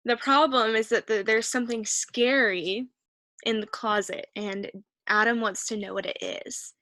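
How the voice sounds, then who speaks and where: A woman's voice: a little high, steady tone, unhurried, bright, forceful tone, no room sound. A woman teacher patiently going through a reading worksheet, encouraging students and thinking aloud as she searches the text. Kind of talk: reading comprehension lesson.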